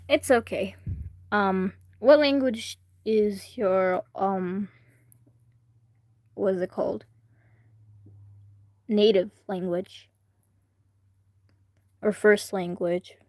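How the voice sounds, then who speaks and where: A woman's voice: medium pitch, darkish tone, no echo. A woman streamer chatting casually to her viewers during a reaction stream, rambling and hesitant with lots of fillers. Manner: talks to chat directly. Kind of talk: casual livestream reaction chat.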